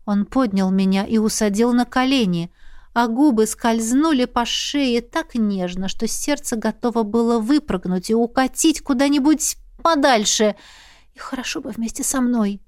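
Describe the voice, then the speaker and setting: A woman narrating an audiobook in the first person with even, expressive storytelling. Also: fairly high pitch, moderate pace, no room sound, studio quality.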